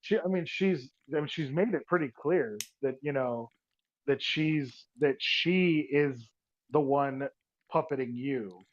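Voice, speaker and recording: A man's voice: mid-range voice, a little slow, dry recording. A man at a tabletop game, laying out his plan in a rambling, persuasive way with lots of restarts. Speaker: tabletop player. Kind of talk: casual in-character planning talk. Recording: dull muffled dry mic sound.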